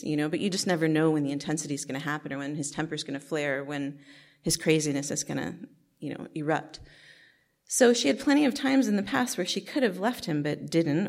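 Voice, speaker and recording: A woman with a low, deep-set voice tells a personal story. She speaks reflectively and hesitantly, pausing and restarting as she searches for her words. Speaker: storyteller recounting her childhood.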